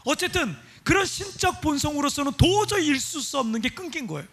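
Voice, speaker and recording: A male pastor preaching a sermon in an animated way. He asks the congregation rhetorical questions and explains pictures shown on a screen. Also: extremely high pitch, brisk, gravelly.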